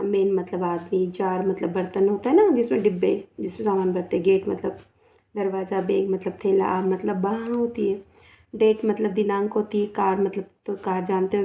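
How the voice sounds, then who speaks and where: A woman's voice: medium pitch, warm tone, roomy sound. A woman teacher giving a patient phonics lesson, spelling words letter by letter and asking a child to repeat after her. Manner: calls the pupil beta, asks them to repeat after her. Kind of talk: Hindi-language English phonics lesson.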